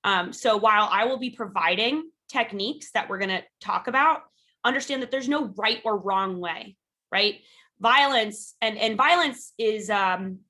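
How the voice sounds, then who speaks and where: A woman's voice: medium pitch, bright, forceful tone. A woman teaching a self-defense workshop from her home over a video call. She speaks frankly and encouragingly with many "um" fillers, and calls out drill cues energetically. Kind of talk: live online workshop instruction.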